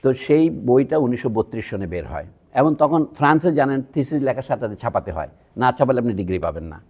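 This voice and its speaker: A man's voice: medium pitch, very animated, a little fast, darkish tone. A man from Bangladesh giving a public lecture at a university, talking in a digressive, conversational way with asides to the audience. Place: university museum hall.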